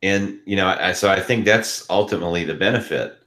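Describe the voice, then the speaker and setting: A man with a very low voice co-hosting a relaxed podcast. He rambles through his opinions and hedges them with plenty of fillers. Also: fairly quick. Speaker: co-host. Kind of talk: casual podcast chat.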